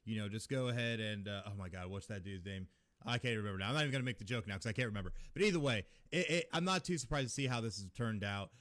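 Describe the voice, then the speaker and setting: A man co-hosting a sports podcast in casual talk, chatty and quick to explain. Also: on the low side, fairly bright tone. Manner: chatty, reads a promo. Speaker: podcast co-host.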